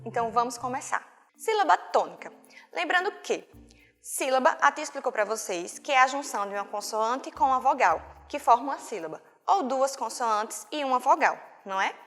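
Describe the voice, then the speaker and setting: Bright high-voiced teacher in a reverberant room. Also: female voice. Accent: Brazilian Portuguese. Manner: patient, slow, checks in with "tá?". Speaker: primary school teacher. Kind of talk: video lesson for children. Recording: long hall reverb, faint music.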